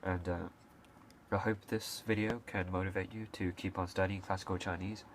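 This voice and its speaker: A young video creator from Hong Kong speaks in a low, level voice, his casual unscripted talk to camera halting and hesitant. Fillers, restarts and occasional coughs are frequent, and slight background noise is audible.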